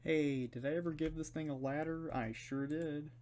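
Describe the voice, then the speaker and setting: A man's voice: a little high, fairly even intonation, normal speed, a little mellow. A man giving casual, unscripted gameplay commentary, rambling and thinking aloud as he plays in his room. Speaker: gaming video host. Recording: running fan noise behind voice. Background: fan hum, keyboard and mouse clicks.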